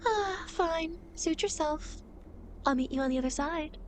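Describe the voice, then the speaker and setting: In a coy, dramatic ASMR roleplay, a woman plays a playful, teasing demon girl who guides dead souls, delivering an acted monologue to the listener. Her very high-pitched voice moves at a measured pace, mischievous, coaxing and mock-sympathetic, with slight background noise.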